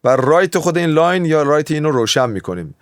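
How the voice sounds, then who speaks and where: A man's voice: fairly high pitch, sing-song, a little hiss or hum. A man explaining audio mixing in a casual, chatty tutorial, wandering off into tangents and then waving them away. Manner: chatty, digressive, often waves off his own tangents. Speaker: music producer teaching mixing.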